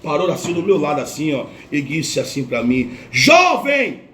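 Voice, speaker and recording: A man's voice: on the high side, a little fast. A man with a Brazilian Portuguese accent giving an impassioned church testimony at a home worship gathering. He repeats phrases for effect and acts out the voices of others. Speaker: lay preacher giving testimony. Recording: roomy, distant, faint noise.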